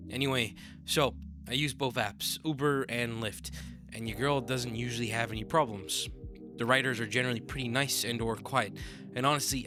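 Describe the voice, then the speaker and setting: A man narrating a story in a conversational, offhand manner with sudden upward swoops. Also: mid-range voice. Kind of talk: reading a story aloud.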